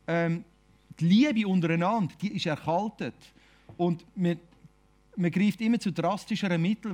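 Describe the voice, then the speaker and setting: A man with a Swiss German accent preaching an informal sermon, talking conversationally and often ending phrases with a questioning tag. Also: high-pitched. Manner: conversational, keeps asking "oder?".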